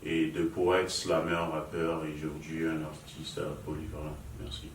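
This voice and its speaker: A man with an extremely deep voice that stays almost flat. He answers in halting phrases, picked up from a distance in an echoey room with a faint hiss behind him. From Nigerian father, raised in Lomé, Togo. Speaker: guest musician. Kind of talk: interview answers. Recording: echoey room, mic far off, faint noise.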